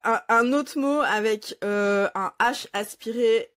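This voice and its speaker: A woman's voice: on the high side, takes it slowly, a bit bright, dry recording, studio quality. A woman hosting a quiz segment in a casual panel show, upbeat and leading the game. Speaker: host.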